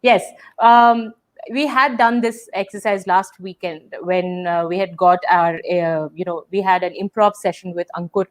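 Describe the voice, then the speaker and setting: A woman with a lowish, steady voice hosts a webinar on a video call, talking casually and without hurry. Her delivery is thoughtful, peppered with fillers and restarts.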